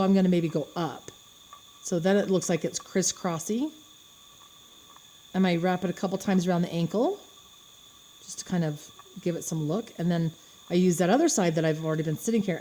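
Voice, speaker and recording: A woman with a mellow, slightly low voice walks through a craft project step by step. She talks casually and thinks out loud while her hands are busy. Faint crickets chirp in the background. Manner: chatty, thinking aloud while working. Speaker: craft instructor.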